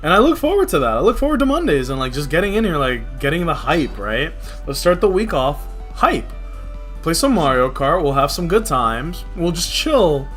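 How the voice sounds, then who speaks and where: This game livestreamer, a young guy from New York City, has a slightly bright voice on the higher side. He chats frankly and loosely in slang-heavy stream talk over background music.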